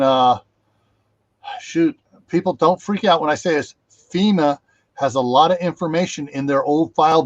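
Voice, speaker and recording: A man's voice: a little high, dry recording, muffled recording. A man hosting a casual livestream, rambling with many fillers and restarts, speaking over a video call. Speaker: livestream host.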